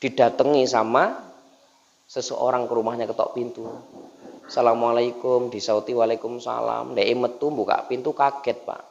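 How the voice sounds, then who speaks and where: At a mosque gathering, an Islamic preacher gives a humorous dawn sermon, jokingly teasing the congregation and constantly calling them "Pak." His mid-range voice has a darkish tone and normal speed, with big-room sound on a dull lo-fi recording.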